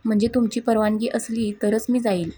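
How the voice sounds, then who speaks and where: A woman reading the lines of a quiet, hurt young wife who speaks softly and hesitantly, in a husky voice. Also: on the high side, level tone, a little fast. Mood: pleading. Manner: soft, hesitant.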